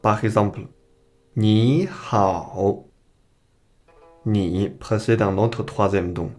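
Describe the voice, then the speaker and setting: A man with a lowish voice teaches a beginner language lesson, taking it very slowly and carefully. He models each sound for the learners, and soft guitar music plays faintly underneath. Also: steady tone. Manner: slow, careful explanation with modeled pronunciation.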